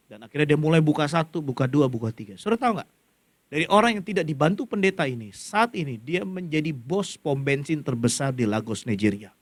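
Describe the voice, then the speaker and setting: Lively preacher man, dry close sound. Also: no room sound. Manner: lively preaching, wide pitch swings, asks congregation to repeat. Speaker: pastor. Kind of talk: sermon. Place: church stage.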